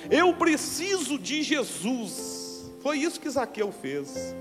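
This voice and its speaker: A man preaches with a high voice, sinking into hushed lows and climbing to loud, fervent declarations. His voice rings through a large, reverberant church hall with soft music underneath. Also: wildly swooping pitch, slow. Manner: swings from low hushed lines to loud declarations. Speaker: pastor. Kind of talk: sermon.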